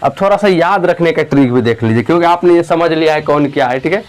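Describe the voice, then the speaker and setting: A man's voice: fairly high pitch, fast, darkish tone. A young man teaching an exam-prep lesson, putting students' questions to himself and answering them, reassuring and casual.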